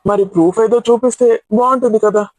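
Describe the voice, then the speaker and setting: A man's voice: high-pitched, fast, no echo, lightly acted, low-quality recording. A man playing a playful husband who teases his wife and argues in mock protest. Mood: teasing. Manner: teasing, mock-argumentative. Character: teasing, playful middle-aged husband.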